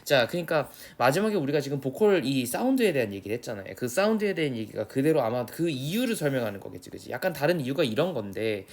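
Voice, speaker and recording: A young male English teacher with a Korean accent, giving an exam prep lecture, reading the English lines slowly and then explaining them in quick, casual talk. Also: medium pitch, sing-song.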